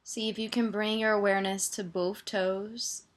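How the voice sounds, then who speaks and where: A female meditation instructor softly leads a body scan, her mid-range voice calm and flat, with pauses left between each instruction.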